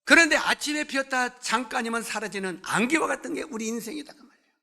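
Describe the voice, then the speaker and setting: A man's voice: very high-pitched, lively intonation, fast talker, bright, forceful tone. A man in his seventies preaching a sermon at a church service, talking conversationally, putting questions to the congregation and joking with members. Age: 70s. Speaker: pastor.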